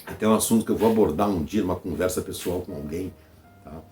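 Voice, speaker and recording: Low, mellow-voiced Brazilian man chatting. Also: fast talker, faint music behind. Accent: Brazilian Portuguese. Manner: conversational, repeats phrases, frequent "tá?" tags. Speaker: channel host. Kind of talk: casual vlog monologue.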